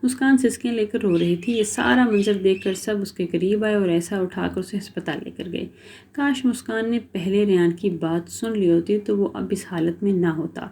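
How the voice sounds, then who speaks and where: A woman storyteller reading a romance novel aloud in a steady, dramatic manner. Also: mid-range voice, breathy edge.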